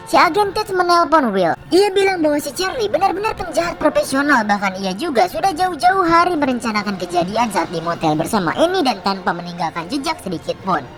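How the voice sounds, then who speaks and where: A woman narrating a film recap in a casual, chatty style with slang asides. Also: high-pitched.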